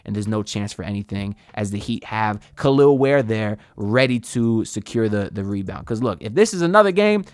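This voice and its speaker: A man breaking down basketball game film in a casual voice-over, getting more excited as the plays build. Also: lowish voice, normal speed, hardly any pauses, no echo.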